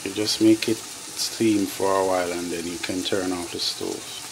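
In this casual cooking vlog, a Jamaican man hosting a home cooking show explains each step to viewers in a low, flat, unhurried voice. His phone camera over the stove picks up clear kitchen noise, with pots boiling and sizzling.

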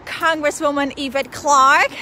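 Chatty woman in her forties, high voice, vlogging live on her phone on a street with faint traffic behind. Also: unhurried. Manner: excited, chatty, lively. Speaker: financial advisor. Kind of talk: live-stream vlog. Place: city street outdoors. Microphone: phone at arm's length. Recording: faint traffic noise outdoors.

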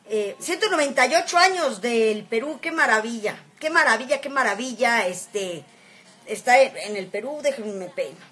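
A woman with a fairly high, sharp-toned voice hosts an Instagram live stream from her phone, chatting casually, reading viewer comments aloud and greeting viewers by name.

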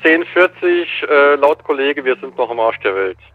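A man's voice: mid-range voice, expressive, normal speed. Man over a tinny walkie-talkie. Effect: over a walkie-talkie radio. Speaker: police officer in a game roleplay. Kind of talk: radio procedure speech. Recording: thin, phone-like radio line.

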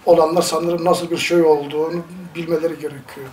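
Interviewee man, high voice, thoughtful, roomy distant sound. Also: flat delivery, brisk, darkish tone, a little hiss or hum. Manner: thoughtful, searching for words. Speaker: interviewee, relative of missing girls. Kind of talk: documentary interview. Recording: echoey room, mic at a distance.

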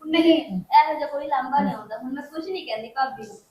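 An actress playing a young sister-in-law asking forgiveness, with a Punjabi accent. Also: female voice, sits high, quick pace, a little mellow, reverberant, close to an everyday voice. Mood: contrite. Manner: contrite. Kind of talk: Punjabi short film acting.

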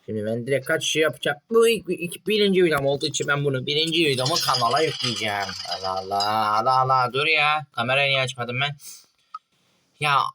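A man casually narrating his own horror game play, excitable and jumpy, muttering and swearing at what happens on screen, recorded on a phone. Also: mid-range voice, quick pace. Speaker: gaming channel host. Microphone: phone mic. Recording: loud background noise with clicks.

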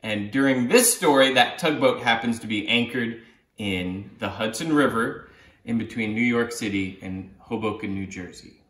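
A moderately paced, medium-pitched man with a somewhat bright tone reads a picture book aloud, expressive and pausing for side explanations. He's a middle-aged children's author on a sofa in a small living room, and the sound carries a spacious room echo.

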